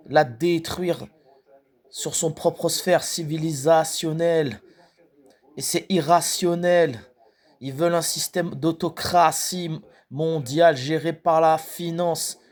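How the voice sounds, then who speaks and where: Slow, stammering French man freestyling. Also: on the high side, a little mellow. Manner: halting, stammers and restarts words; slow, declaiming delivery with emphatic rhetorical questions. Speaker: rapper. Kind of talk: spoken protest rap, freestyle-like.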